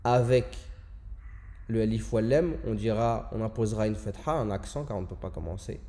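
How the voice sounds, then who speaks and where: Calm guy teaching arabic, mellow low-key voice, says words slow and repeats them. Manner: patient, repeats words slowly and stresses sounds. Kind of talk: explaining a lesson, slow demonstrations of words.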